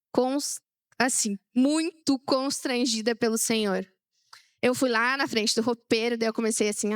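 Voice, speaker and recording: High, clear-voiced woman preaching. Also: dry recording, studio quality. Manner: chatty, tells personal stories to the congregation. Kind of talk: sermon.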